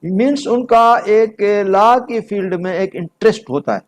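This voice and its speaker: A high-voiced man with a Pakistani accent delivers an instructional law lecture, methodically explaining and switching between two languages. He mixes explanation with read-out notes, speaking animatedly and a little slowly.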